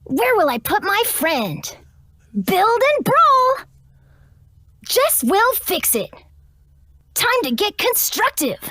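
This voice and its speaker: A plucky young tinkerer girl from a video game. Her very high, bright voice bounces wildly up and down with perky confidence. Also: very animated, slow, long pauses, no room sound, clean studio sound, heavily acted. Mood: confident, cheerful. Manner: perky, can-do delivery. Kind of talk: video game character catchphrases.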